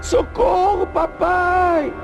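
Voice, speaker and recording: Boy trapped in a fire calling for his dad, shrill and desperate, as a male preacher puts him on, well above his own voice. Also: steady tone, extremely slow, over music, heavily acted. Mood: terrified. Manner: high shrill crying shouts. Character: small boy trapped in fire, screaming for father.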